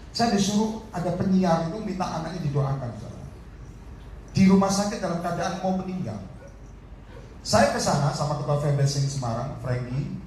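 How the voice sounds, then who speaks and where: A man preaching a sermon as an evangelist, animated and repeatedly addressing the congregation directly. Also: on the high side. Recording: echoey hall from far off, faint noise.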